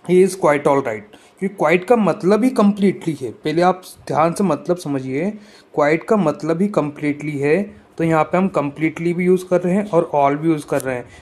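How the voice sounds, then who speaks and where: A man's voice: a little high, normal speed, a little mellow. A man teaching an exam-prep grammar lesson, explaining rules step by step and often checking that his students follow.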